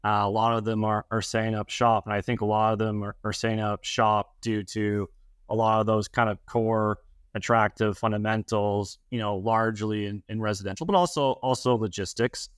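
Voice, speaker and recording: A Canadian man gives a podcast interview as a real estate advisor. He talks in a low, even, level tone and keeps restarting his phrases with lots of fillers. The sound is close and dry. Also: moderate pace, smooth, no room sound. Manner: hesitant, many fillers and restarts.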